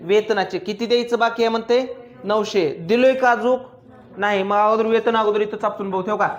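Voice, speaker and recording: A male commerce teacher, lecturing a class and drilling students with quick questions and teasing remarks. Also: sits high, steady tone, dull audio.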